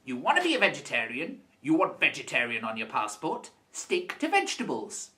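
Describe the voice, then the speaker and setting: A man's voice: fairly high pitch, wildly swooping pitch, brisk, sharp tone. A man ranting to camera in a comic vlog, sarcastic and full of rhetorical questions. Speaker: vlogger.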